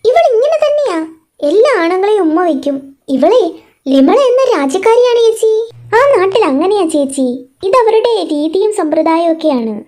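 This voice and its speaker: A woman playing a lively young woman who talks briskly and coaxes others to calm down. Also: very high-pitched. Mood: coaxing.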